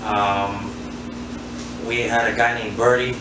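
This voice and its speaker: Recorded off-mic on a distant mic in a roomy, noisy space, this Queens handball player in his 40s has a flat, lowish voice and a slow pace. He rambles in a relaxed way with many fillers, reminiscing as a casual interview guest.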